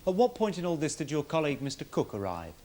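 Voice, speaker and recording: Barrister, crisp pointed questions, fairly high pitch, 1970s TV courtroom drama. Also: male voice, wildly swooping pitch, fast talker, darkish tone. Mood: probing. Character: probing barrister cross-examining a witness.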